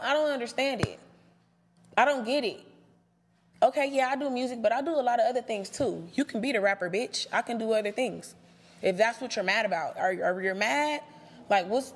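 A woman's voice: on the high side, long reverb tail, slight background noise. A young woman casually recapping episodes of a reality show for her viewers, brash and sassy and swearing freely. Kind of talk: profane casual commentary to viewers.

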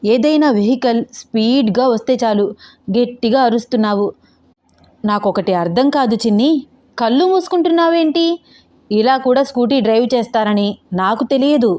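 A woman's voice: a little high, moderate pace, mellow, natural voice. A woman voicing a playful, teasing young man who patiently teaches his girlfriend to ride a scooter, read as an audio novel character.

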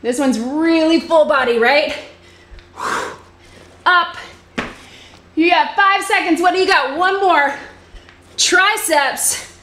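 A high-voiced young woman coaches a live workout, calling cues at an unhurried pace as she exercises along. She is a little out of breath, and her voice rings in an echoey room. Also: bright, forceful tone, slight background noise. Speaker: fitness instructor.

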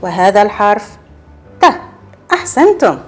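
A woman teaching young children a letter lesson, encouraging them and repeating each sound slowly and clearly. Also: mid-range voice, sing-song, soft background music. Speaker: kindergarten teacher.

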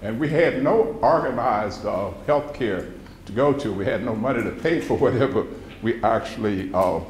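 A man's voice: medium pitch, lively intonation, normal speed. A man in his seventies with a Mississippi accent, giving an informal, folksy public lecture with personal recollections. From central Mississippi, US. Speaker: guest lecturer, retired pharmacology professor. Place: indoor lecture room with seated audience. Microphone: podium microphone. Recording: roomy echo, background noise, live hall.

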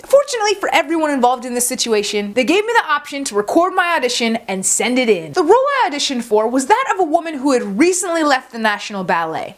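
A young American woman telling a comedic story to camera in an animated, self-deprecating, mock-incredulous way. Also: high-pitched. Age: young adult. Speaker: actor and YouTube host. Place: small indoor room at home.

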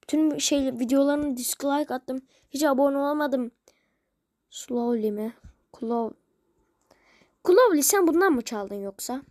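Woman, high voice, casual vlog chat, rambling, grumbly, dry close sound. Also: slow pace, pauses often, a little mellow, no room sound. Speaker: video creator.

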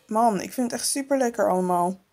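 A woman's voice: mid-range voice, fast talker, vocal fry, dark tone, soft background music, lightly acted. A woman voicing a reluctant little girl in a toy-figure film, speaking in a whiny, grumbling way. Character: reluctant little girl who skips daycare.

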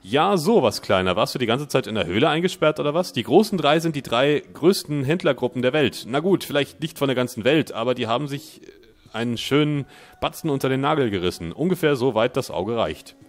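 A man voices a slick, friendly male merchant who brags about his deals, reading the game's dialogue aloud in upbeat salesman patter with a chummy pitch. His medium-pitched, expressive delivery is brisk, pitched a bit above his own natural voice yet close to everyday speech.

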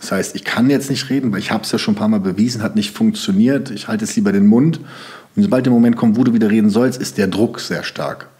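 A young podcast guest from Sauerland, Germany, talks at a quick pace in a mellow, low-leaning voice. The interview is casual, and he rambles in loose sentences thick with fillers.

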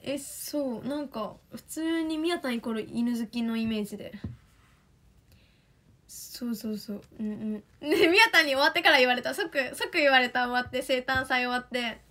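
A young woman with a Kansai accent, chatting excitedly on a livestream as an idol, reading fan comments. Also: high-pitched. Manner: chatty, excitable, quick bursts of enthusiasm.

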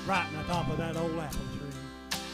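A tearful young man on a train home, pleading and earnest, as a man recites him over a recitation. The voice sits high, and soft country guitar plays behind it. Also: steady tone, normal speed, lightly acted. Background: soft country guitar music.

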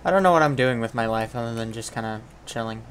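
A man's voice: medium pitch, quick pace, a little hiss or hum. A man chatting casually while playing a video game, goofy and playful, tossing out silly sound effects. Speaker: gamer co-host. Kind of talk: casual gaming chat.

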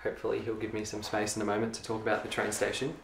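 A young man giving a relaxed, chatty show-and-tell of his hobby build at home, with frequent ums. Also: on the low side, racing, gravelly. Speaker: LEGO hobby vlogger. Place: carpeted room at home. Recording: echoey room, faint noise.

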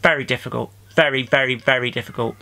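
A man's voice: steady tone, quick pace, vocal fry, bright, forceful tone, a little hiss or hum. A male comedian from the UK talking through a comic lockdown video diary, rambling and restarting his sentences. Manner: rambling, self-interrupting, breaks into high-pitched mock crying.

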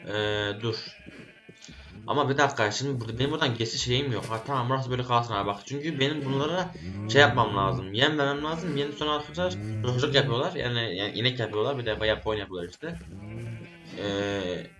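A man's voice: medium pitch, a little fast. A man giving casual gameplay commentary, talking to himself and scolding the animals and the game as he plays. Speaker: gaming YouTuber.

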